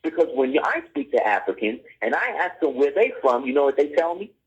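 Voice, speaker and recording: Husky man lecturing insistently. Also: on the high side, big pitch swings, fairly quick. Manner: insistent, keeps asking "you see what I'm saying?". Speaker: guest. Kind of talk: conversational lecture. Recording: dull lo-fi audio.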